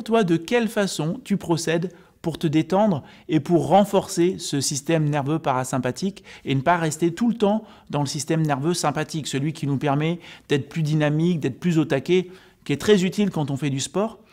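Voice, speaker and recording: A man with a slightly high voice presents to the viewer as a coach. He explains methodically and informally, breaking each point into simple steps. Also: moderate pace, darkish tone. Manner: didactic, step-by-step explaining, addressing the viewer informally. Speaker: health and sports coach presenting a video. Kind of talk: informal explanatory talk to camera.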